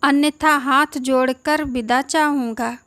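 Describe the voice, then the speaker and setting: A woman's voice: high voice, steady tone, takes it slowly, fairly bright tone, no echo, clean studio sound. A woman voicing a kind-hearted young thief. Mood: polite. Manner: polite and plain-spoken.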